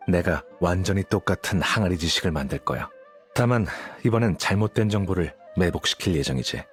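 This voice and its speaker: Voicing a cool, calculating scholar in a video game, a man explains things in a composed, matter-of-fact manner over background music. His voice sits low and is expressive and brisk.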